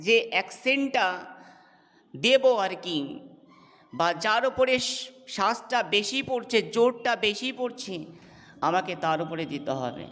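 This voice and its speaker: A man gives a classroom lesson on English poetry, breaking the material down step by step and pausing to check that his students follow. His voice sits high for a man, and a long reverb trails each phrase. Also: expressive, a bit bright. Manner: explains step by step, asks checking questions. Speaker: English teacher.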